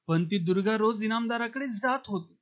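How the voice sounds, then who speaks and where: Brief: aggressive shouting village man voiced by a man, storybook, lo-fi. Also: high voice, moderate pace. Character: angry accusing older village man. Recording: dull lo-fi recording.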